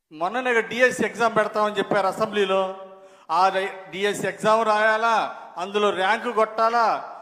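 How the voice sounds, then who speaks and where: A man's voice: high voice, pushed and bright, in a large hall. A man playing a male politician in a comedy sketch, patiently lecturing and teasing the people who come to him. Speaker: MLA in comedy skit.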